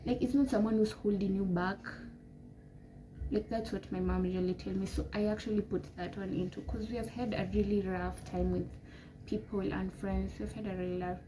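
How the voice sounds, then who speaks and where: A woman's voice: medium pitch, fairly even intonation, moderate pace. A woman, giving rambling, emphatic advice to camera as a vlogger. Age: 20s. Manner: rambling, emphatic, pep-talk tone. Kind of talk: casual advice talk to camera. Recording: noisy background.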